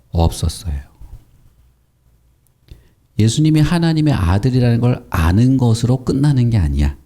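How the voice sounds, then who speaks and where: A man giving a children's Sunday school sermon, speaking informally and quizzing the kids with questions. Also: mid-range voice. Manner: animated, asks children questions and acts out quotes.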